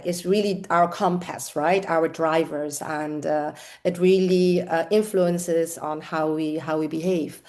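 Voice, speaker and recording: A woman's voice: lowish voice, darkish tone. A middle-aged woman from the Netherlands, an executive coach, answering interview questions in a thoughtful way with frequent fillers.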